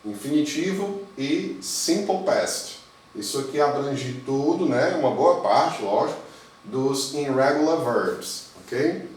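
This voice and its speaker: A man's voice: mid-range voice, animated, slow, a little mellow. A man with a Brazilian Portuguese accent teaching a recorded English class, patiently repeating each word to show its pronunciation. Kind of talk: recorded school lesson. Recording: very echoey room, mic at a distance.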